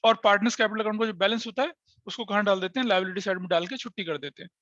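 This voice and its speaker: A man's voice: sits high, very fast, bright, forceful tone, no echo, highs cut off. A man teaching a class step by step, who often asks his students questions and mixes in English terms. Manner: explains step by step with frequent checking questions to students. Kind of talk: classroom lecture.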